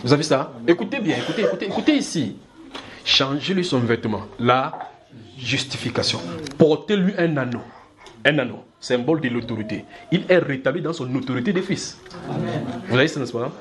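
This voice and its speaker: A man preaching a sermon in church, lively and demonstrative, often checking that the congregation follows. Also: mid-range voice, a little fast, crowd noise. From Cameroon. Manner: animated, acts out little scenes and keeps checking the congregation follows.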